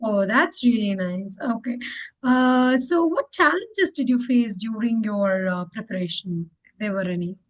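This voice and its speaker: A woman's voice: on the high side, lively intonation, measured pace, rough recording. Encouraging woman hosting a campus interview. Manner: encouraging, repeats warm praise between questions. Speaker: interview host. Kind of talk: scripted interview questions.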